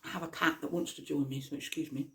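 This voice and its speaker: A guide leading a mindful eating exercise at home, asking gentle, slow questions and sometimes talking while chewing. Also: mid-range voice, steady tone, gravelly. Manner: talks while chewing at times. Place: at home with a cat nearby.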